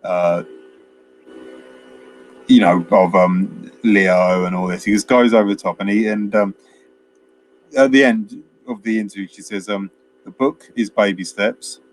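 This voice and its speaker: A man's voice: fairly low pitch, steady tone, measured pace, long pauses, a little hiss or hum. Rambling man chatting about a film. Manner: rambling, many fillers and restarts, acts out quotes. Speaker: film review co-host. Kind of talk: casual chat.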